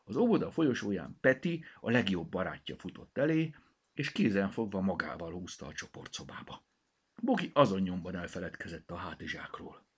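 A man narrating a children's story in a lively, expressive way. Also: low voice, husky.

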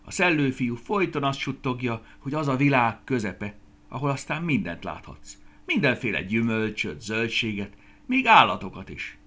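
A man's voice: medium pitch, very animated, bright, forceful tone, voice pushed up. A man voicing a fat, motherly peach lady who is chatty and welcoming, in a storybook reading. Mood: friendly. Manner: friendly, chatty, gushing.

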